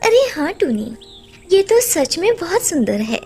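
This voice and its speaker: Woman voicing a kind girl bird, eager, high, cartoon. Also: very animated, unhurried, soft background music, exaggerated voice. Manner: bright, eager voice.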